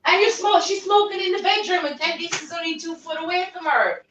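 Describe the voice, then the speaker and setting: A woman co-hosting a casual commentary chat, emphatic and quick to swear. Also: very high-pitched, a bit bright, a little hiss or hum. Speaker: co-host guest. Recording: dull lo-fi audio.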